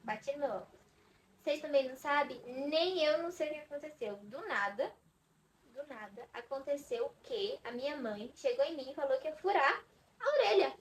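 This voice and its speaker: A woman's voice: sits high, lively intonation, normal speed, slight background noise, low-quality recording. Chatty, dramatic young Brazilian vlogger woman. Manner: chatty and dramatic, swearing to her viewers. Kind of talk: casual chat to camera.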